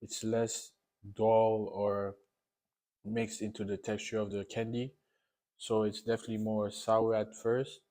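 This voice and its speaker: Low-voiced man tasting sour candy. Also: little pitch movement, warm tone. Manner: unscripted, halting, repeats and rephrases himself. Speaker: candy reviewer. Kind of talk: casual taste-test review.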